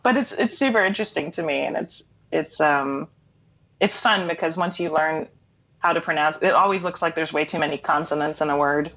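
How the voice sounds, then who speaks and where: Her voice is low, brisk and slightly bright. She's a middle-aged American singer-songwriter and writer joining an interview from home over an online call, talking in a relaxed, explanatory manner. The sound is dull, lo-fi call quality.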